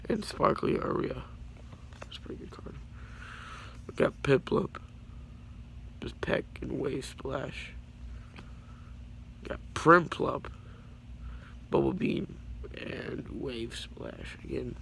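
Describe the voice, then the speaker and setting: Speaking slowly and pausing often, a sick teenage boy with a raspy but fairly bright voice shows his trading cards for YouTube. It's a casual showcase in which he rambles, apologizes, and stumbles over the card names. The home audio is low quality, with faint noise in the background.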